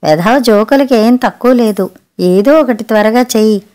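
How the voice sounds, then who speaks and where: A woman's voice: fairly high pitch, normal speed, darkish tone, clear, resonant tone, natural voice. A woman voicing an impatient grumbling husband. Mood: demanding. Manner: demanding, grumbling. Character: husband craving special food, impatient.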